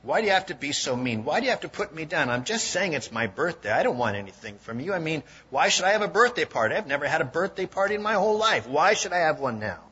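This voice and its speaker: A man's voice: fairly high pitch, very animated, fast talker, few pauses, sharp tone, slightly rough, voice pushed up, heavily acted. A man voicing a lonely woman turning thirty-nine who pleads and stammers. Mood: pleading. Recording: dull lo-fi recording.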